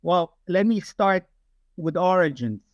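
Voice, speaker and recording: A man's voice: high-pitched, lively intonation, unhurried, no echo, dull audio. An older man from Romania, speaking emphatically as a guest on a video call from home, with many fillers. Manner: emphatic, digressive, frequent fillers. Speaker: guest, aerospace engineer. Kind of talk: casual interview over video call. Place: home room, indoors. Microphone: webcam video call.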